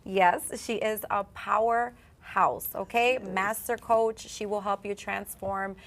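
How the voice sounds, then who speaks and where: A woman's voice: medium pitch, fairly even intonation, slow pace, a little hiss or hum. A woman co-hosting a podcast interview, upbeat and laughing often as she hypes her guest. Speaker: podcast co-host. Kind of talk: casual interview. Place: studio in the Bronx.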